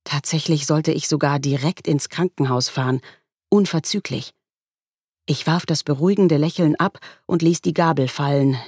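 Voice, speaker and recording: A woman reading a first-person story aloud in a wry, measured way. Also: deep voice, darkish tone, breathy edge, dry recording, clean studio sound. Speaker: audiobook narrator. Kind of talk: first-person audiobook narration.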